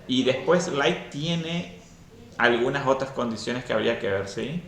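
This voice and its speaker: Gravelly-voiced man teaching a coding class. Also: medium pitch, unhurried, fairly bright tone, reverberant. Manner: explanatory, keeps checking in with "¿sí?". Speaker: programming teacher. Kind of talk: live online class.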